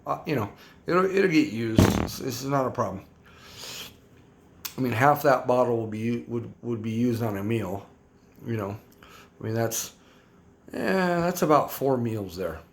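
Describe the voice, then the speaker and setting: A man's voice: mid-range voice, animated, measured pace, long pauses, a little hiss or hum. A man casually reviewing a hot sauce for his vlog, rambling and slangy, repeating himself as he talks.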